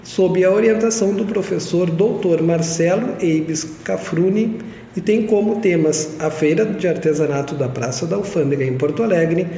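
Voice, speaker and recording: Young guy reading the podcast intro off a script, high soft voice, dull roomy sound. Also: normal speed, a little hiss or hum. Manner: reads a prepared text steadily. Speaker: co-host. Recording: echoey long-reverb lo-fi room.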